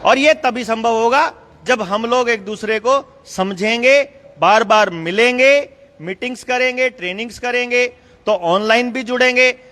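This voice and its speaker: A man's voice: extremely high pitch, measured pace, pushed and bright, long reverb tail. A man giving an emphatic, conversational speech to a political meeting, often laughing between points. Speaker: speaker addressing a political meeting. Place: meeting hall.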